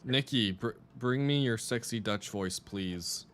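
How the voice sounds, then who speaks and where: A young man talks his way through a game stream at his desk mic, loose and chatty, often restarting his sentences. His pitch sits right in the middle for a man. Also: unhurried, fairly bright tone, a little hiss or hum. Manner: chatty, rambling, with many restarts and laughs. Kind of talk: casual live-stream chat while gaming.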